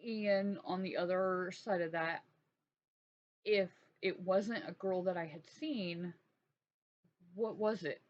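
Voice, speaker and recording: A woman hosting her own channel, telling a personal story in a halting, earnest way with many restarts. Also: on the low side, fairly even intonation. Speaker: art channel host. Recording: dull lo-fi sound with faint noise.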